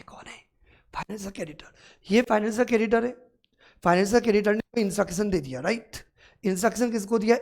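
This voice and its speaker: A woman law tutor giving an exam-prep lecture, acting out scenarios and quizzing the class, then reading legal text out slowly. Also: medium pitch, gravelly. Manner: animated, acts out scenarios in first person and asks the class questions.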